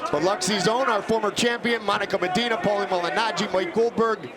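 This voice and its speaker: A man's voice: sits high, steady tone, a little fast. A man hosting live fight coverage as play-by-play commentator, with an emphatic, polished broadcast delivery. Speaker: play-by-play host. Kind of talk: live sports commentary and interviewing. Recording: live broadcast with loud crowd noise.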